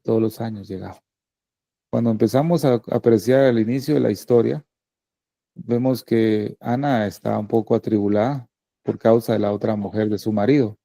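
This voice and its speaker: A male pastor preaching a sermon in a conversational way, often checking in with the congregation through quick tag questions. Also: lowish voice, warm tone, dry recording.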